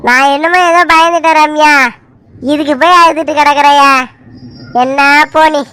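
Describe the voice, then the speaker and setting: A woman voicing a calm young man who brushes off his girlfriend's worries in a family drama. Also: sits high, normal speed. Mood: reassuring.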